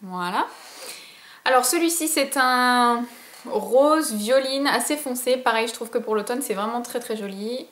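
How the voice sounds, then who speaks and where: A chatty young woman from France, talking casually and enthusiastically with plenty of fillers. Her voice sits a little high, and the room around her sounds echoey. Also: unhurried, fairly bright tone. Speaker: beauty vlogger. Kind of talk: casual haul chat to camera.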